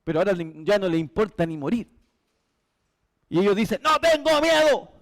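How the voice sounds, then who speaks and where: Male pastor, very high voice, emphatic church sermon, repeats key phrases. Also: a little fast, darkish tone. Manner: emphatic, repetitive preaching.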